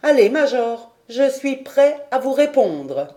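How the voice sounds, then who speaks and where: Picture an excitable, learned male geographer from an old adventure novel, pressing his theory with eager emphasis, as a woman reading the audiobook puts him on. The voice is mellow and unhurried, pitched a little raised when he gets carried away. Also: heavily acted.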